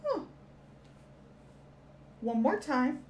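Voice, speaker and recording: A woman's voice: high-pitched, very animated, extremely slow, slight background noise. A woman teaching a children's alphabet lesson, cheerful and encouraging as she speaks to young kids.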